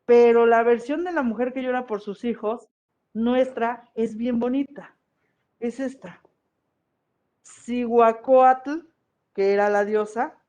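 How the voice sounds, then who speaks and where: A history teacher gives a chatty lecture to an online class and keeps checking whether the students are following. The voice sits at a middle pitch. The audio is dull and lo-fi. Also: fairly even intonation, takes it slowly, long pauses, a little mellow. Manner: conversational, often checks in with the class.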